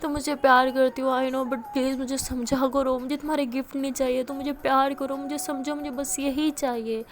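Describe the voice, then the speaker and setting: A tearful, loving young woman pleading to be understood, her voice high and fairly level, as a woman narrator plays her. The hurt sits under every line. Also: flat delivery, moderate pace, hardly any pauses, natural voice.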